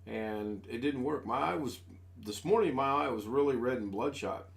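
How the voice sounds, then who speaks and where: Broadcasting a relaxed live stream from his home, this American man in his sixties talks through a desk USB mic with a gravelly, medium-pitched voice. He keeps a moderate pace while rambling on in a folksy, self-mocking manner.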